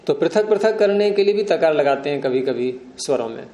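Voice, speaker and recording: A man's voice: fairly high pitch, lively intonation, brisk, dark tone, roomy sound. A man teaching Sanskrit grammar in a classroom lecture, patiently explaining and quizzing his students.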